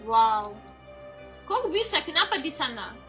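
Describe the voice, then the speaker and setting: A woman's voice: high-pitched, sing-song, a little slow. A woman from Russia with a Russian accent chats casually in simple Indonesian as a foreign learner. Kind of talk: casual chat. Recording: music playing behind.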